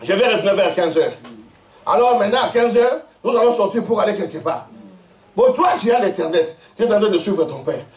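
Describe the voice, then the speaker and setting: A man preaching in an echoey church hall, his high voice leaping up and down as he tells animated stories. He laughs often and slips into the voices of his characters while the congregation answers him. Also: a little fast. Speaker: pastor. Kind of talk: lively sermon with congregation responses. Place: church in Brussels.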